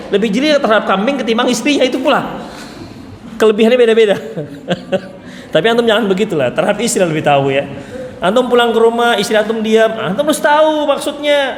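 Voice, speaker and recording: High-voiced preacher in an echoey mosque. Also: male voice. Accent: Indonesian. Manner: lively, joking asides with acted quotes. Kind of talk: mosque sermon. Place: mosque hall. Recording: echoey hall, faint room noise.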